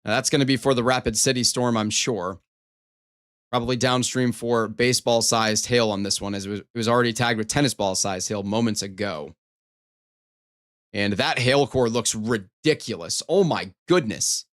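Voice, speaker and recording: A man's voice: medium pitch, normal speed, a bit bright. A man hosting a live storm coverage stream, giving running weather commentary in an emphatic, repetitive way. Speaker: storm coverage livestream host.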